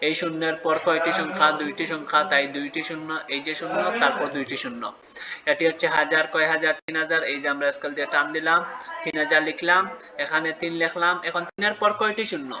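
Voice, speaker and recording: A man's voice: a little high, steady tone, quick pace, muffled recording, a crowd in the background. A man teaching a children's math lesson step by step, patiently asking questions and answering them himself.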